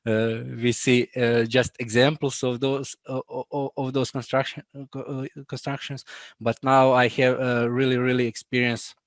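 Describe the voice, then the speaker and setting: A Bosnian man in his thirties with a Croatian accent, a BIM manager appearing as a guest, speaks haltingly in a casual video-call interview, full of fillers and restarts. He laughs often, his pitch stays flat, and the recording is dry and close with no echo.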